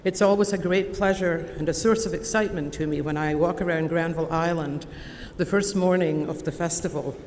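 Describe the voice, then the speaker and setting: Speaking from a podium in a large convocation hall, this Scottish woman in her sixties has an Edinburgh accent, a fairly low pitch and fairly even intonation. She is an honorary degree recipient reading a formal, prepared ceremonial address, measured, deliberate and warmly earnest. Long hall reverb and faint background noise are audible.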